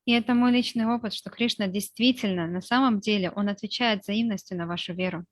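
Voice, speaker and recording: A woman speaks a translation voice-over, rendering a talk phrase by phrase as a live interpreter on a video call. Her voice sits at an ordinary middle pitch and comes through dry, with no room sound. She works in measured short chunks with small hesitations. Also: no room sound. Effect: live spoken translation, voiced over the speaker's talk. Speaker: consecutive interpreter into Russian. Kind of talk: consecutive interpretation.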